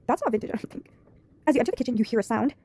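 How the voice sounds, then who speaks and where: A woman's voice: fairly high pitch, lively intonation, very fast, dark tone. A woman reading an interactive story game aloud with giggly, chatty asides.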